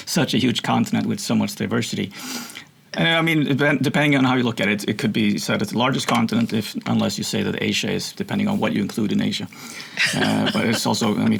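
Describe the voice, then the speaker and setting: A man's voice: lowish voice, vocal fry, a bit bright, husky. A Swedish man with a somewhat American accent, a guest in an interview, telling his story in an earnest, reflective way. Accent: American-sounding, from international schools. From Sweden. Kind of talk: conversational interview.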